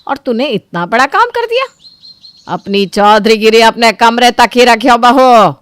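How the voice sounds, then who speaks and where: A woman playing a bossy shouting mother-in-law. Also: a little high, normal speed, smooth, no room sound, pitched above the performer's own voice, lightly acted. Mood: scolding. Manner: scolding, loud and commanding. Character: bossy domineering middle-aged mother-in-law. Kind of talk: cartoon story voice acting.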